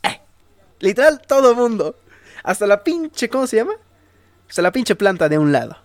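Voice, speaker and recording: Fields: slangy Mexican man, high voice. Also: very animated, normal speed, no room sound. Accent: Mexican Spanish. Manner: slangy, rambling storyteller. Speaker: podcast co-host recapping anime. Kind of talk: casual chat.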